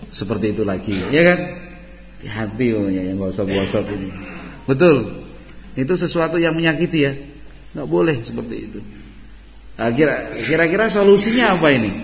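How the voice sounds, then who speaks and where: A man's voice: medium pitch, lively intonation, normal speed, creaky, pauses often, noisy background. Male teacher quizzing students in a hall. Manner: questions students directly, playful and teasing. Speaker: religious teacher at an Islamic boarding school. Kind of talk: interactive classroom lesson. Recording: roomy hall echo, dull lo-fi sound.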